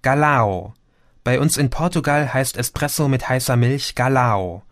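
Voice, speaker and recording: A man's voice: medium pitch, a little slow, dry recording, studio quality, close to an everyday voice. A man voicing a friendly, talkative middle-aged Portuguese café owner who likes to explain things. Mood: friendly, chatty.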